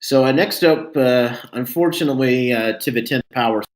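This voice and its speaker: A man's voice: mid-range voice, low-quality recording. A man chatting casually in an online group discussion, his voice dropping in and out over a bad connection as he rambles with many fillers. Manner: rambling, filler-heavy, halting. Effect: audio keeps cutting out over a bad connection. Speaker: co-host of a review discussion.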